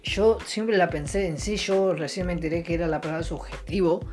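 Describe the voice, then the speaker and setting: A man's voice: a little high, fairly quick, a little mellow, faint music behind. A young man with an Argentine Rioplatense accent telling a rambling stand-up story with a sarcastic, offhand tone, full of restarts and fillers, chuckling at his own jokes. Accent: Argentine Rioplatense Spanish. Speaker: comedian.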